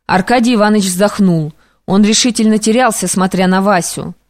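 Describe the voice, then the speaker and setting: A woman narrating classic prose for an audiobook in a measured, even manner. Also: mid-range voice, no room sound, clean studio sound.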